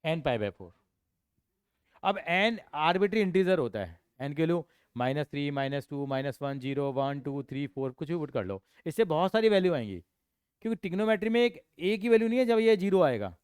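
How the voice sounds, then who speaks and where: A man teaching a class, talking through each step and asking his students quick questions. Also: fairly high pitch, expressive, darkish tone, smooth, dry recording, studio quality. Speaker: accounts and maths tutor.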